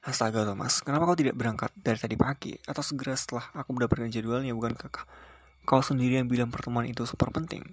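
A man's voice: mid-range voice, steady tone, quick pace, lightly acted. A man voicing a male political fixer who is irritated and reproachful on a phone call, in an audiobook reading. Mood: exasperated. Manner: reproachful, complaining.

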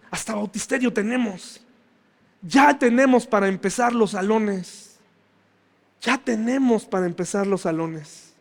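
A male pastor giving a conversational sermon, often putting questions to his congregation. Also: sits high. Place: church. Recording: long church reverb.

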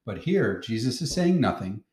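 A man's voice: on the low side, big pitch swings, normal speed, a little mellow, roomy sound. A man teaching a Bible lesson to a child, patiently asking questions and explaining as he reads.

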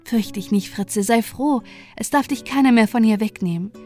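A woman's voice: fairly high pitch, moderate pace, dark tone, faint music behind, natural voice. Woman reading a tender young nursing sister. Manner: tender, comforting.

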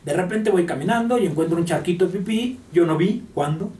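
A man with a Mexican Spanish accent, a podcast guest explaining dog behavior in a casual, patient way, often slipping into a high voice to imitate owners. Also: brisk, dark tone. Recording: echoey room, mic at a distance.

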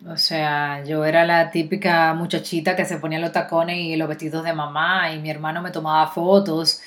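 Chatty Dominican actress, animated. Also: female voice, low-pitched. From Dominican Republic. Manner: animated and chatty, with quick restarts. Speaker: actress, interview guest. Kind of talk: casual interview chat.

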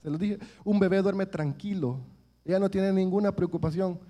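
A man's voice: high voice, moderate pace, warm tone. A man, preaching a sermon and telling stories from his childhood in an earnest way, often calling his listeners brothers.

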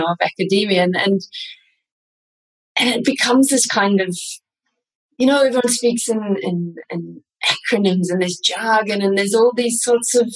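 Chatty New woman, slightly husky. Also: medium pitch, poor audio. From New Zealand. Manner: animated, chatty, many fillers and restarts. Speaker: guest, neuroscientist and psychologist. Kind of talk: conversational interview.

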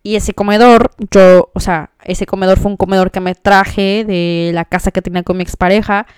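A Mexican woman hosting a podcast, telling a personal story in a chatty, expressive way with many fillers. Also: medium pitch, normal speed, clear, resonant tone, dry recording. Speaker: podcast host. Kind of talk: casual storytelling monologue.

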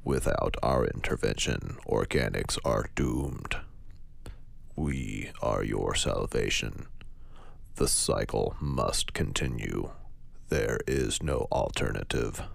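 A man voicing a colossal, menacing robotic alien machine in a deep, gravelly monotone without inflection. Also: no echo, heavily acted. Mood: ominous. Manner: slow, flat, ominous pronouncements.

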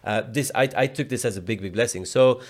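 A man's voice: medium pitch, fairly quick. A man from the UK, a podcast guest telling a personal story in a slangy, casual way, often restarting and repeating words.

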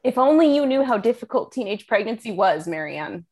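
A woman playing a weary, bitter English teacher in a comedy radio play, halting and defensive. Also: on the high side, sing-song, a little mellow, exaggerated voice. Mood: defensive, awkward. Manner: halting, throat-clearing, earnest warnings.

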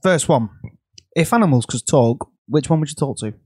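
A man's voice: on the high side, expressive, normal speed, darkish tone, husky, no echo, clean studio sound. A man with a Northern English accent chatting casually and teasingly as a podcast co-host among friends. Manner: matey, teasing.

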